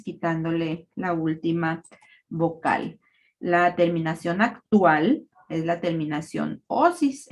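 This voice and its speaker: A woman giving a recorded parasitology lecture, explaining terms in a measured way with frequent fillers. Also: fairly low pitch, a little mellow.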